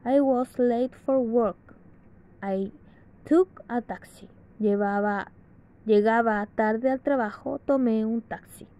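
A woman reading an English grammar lesson aloud from a textbook, slowly and carefully with pauses. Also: fairly high pitch, warm tone. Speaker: English teacher. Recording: dull lo-fi sound.

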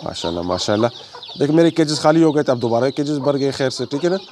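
A hoarse man chats casually as he shows off his poultry and coaxes the birds along. His voice sits at an ordinary pitch. He is recorded outdoors by the cages, with plenty of clucking and yard noise behind him. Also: fast talker. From Pakistan. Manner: chatty, talks to the birds, coaxing. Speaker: poultry breeder vlogger. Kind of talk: casual walkthrough vlog. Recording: noisy outdoor recording with chickens. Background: clucking chickens.

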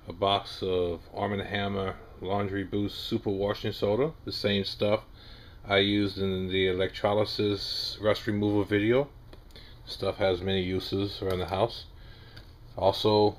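A man's voice: lowish voice, slight background noise. A man in his forties with a Southern US accent, talking casually in a how-to video and rambling a little with restarts. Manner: plain-spoken, rambling with restarts and fillers. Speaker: homestead vlogger. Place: small wood-paneled room indoors.

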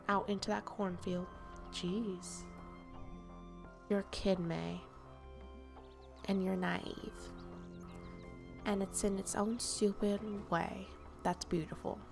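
A woman voicing a stern aunt who is a police officer in a game, speaking in slow warnings. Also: mid-range voice, vocal fry.

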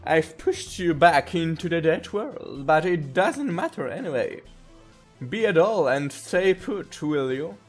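A man's voice: a little high, very animated, measured pace, soft background music. A man voicing a villainous woman who taunts a trapped hero, reading game dialogue aloud. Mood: taunting. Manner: taunting, mocking.

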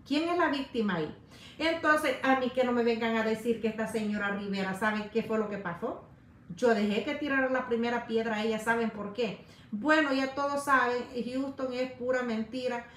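A woman talking casually to her viewers, animated and repetitive, speaking to them directly. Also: on the high side. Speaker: YouTube commentator. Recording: roomy echo.

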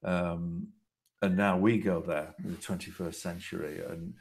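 A man's voice: deep voice, steady tone, measured pace, a little mellow. A man in a panel discussion on a video call, thoughtful and rambling, restarting his phrases. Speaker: host, artist.

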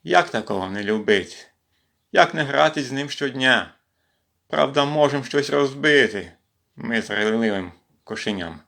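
A man from western Ukraine reading poems aloud in an expressive recitation during a home livestream. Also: mid-range voice, unhurried, vocal fry. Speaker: poetry reader in a volunteer series. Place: at home with his cat.

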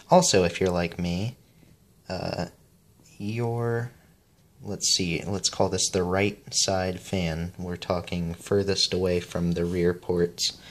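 A man with whistling S sounds giving a casual, halting how-to explanation into a cell phone. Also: sits low. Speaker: video maker giving a repair tip. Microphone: cell phone, close handheld.

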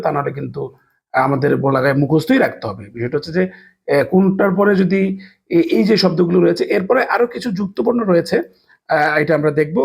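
Guy teaching a language lesson, higher voice, gravelly and a bit husky, spells letters out slow. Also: a little mellow. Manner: slow, spells letters aloud, many hesitations. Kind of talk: explanatory lesson.

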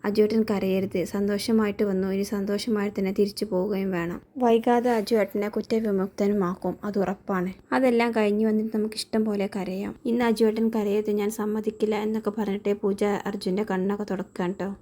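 Fast-talking woman recapping a serial. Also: mid-range voice, level tone, dark tone. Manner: brisk running recap, reading the characters' dialogue in her own voice. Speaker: serial review host. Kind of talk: casual retelling of a TV serial episode.

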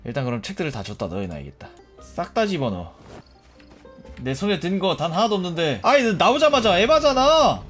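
Animated man commenting on gameplay. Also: mid-range voice, fast talker, long pauses, soft background music. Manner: animated, jokey, swears and yelps at enemies. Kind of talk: casual let's-play commentary.

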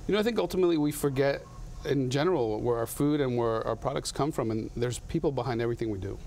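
A man's voice: mid-range voice, fast, gravelly, warm tone, slight background noise. A man in his thirties from Latin America, a guest in a TV studio interview, talking earnestly with frequent restarts on a lapel mic. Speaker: guest, coffee company founder.

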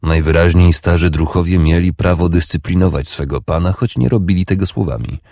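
A man narrating an audiobook in a steady, even reading voice. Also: sits low, a little fast, vocal fry, dry recording, clean studio sound.

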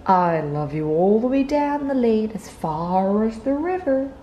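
Woman as a little storybook boy hare, affectionate, earnest, slow, swooping pitch, some background noise. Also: very animated, muffled recording. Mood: eager, loving. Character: little young male hare, affectionate, eager, sleepy at bedtime. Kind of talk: children's picture-book read-aloud.

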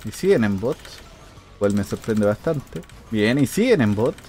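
A man giving casual commentary over his own gameplay, animated, bursting into sudden shouts and sound effects. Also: lowish voice, a little slow, faint music behind. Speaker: gaming streamer.

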